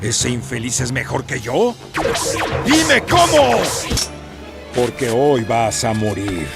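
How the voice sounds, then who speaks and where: An actor playing a sneering, menacing, calculating pirate villain in a Latin American Spanish anime dub. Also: male voice, medium pitch, huge pitch swings, slow pace, gravelly, heavily acted. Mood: angry. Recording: loud music behind the voice.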